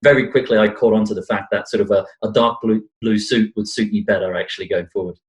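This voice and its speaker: A man's voice: lowish voice, fairly even intonation, fast talker, low-quality recording. Man from Brazil, middle-aged, podcast guest, loose and self-mocking delivery, frequent restarts. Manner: self-deprecating, rambling with restarts. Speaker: podcast guest, financial planner. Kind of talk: conversational interview.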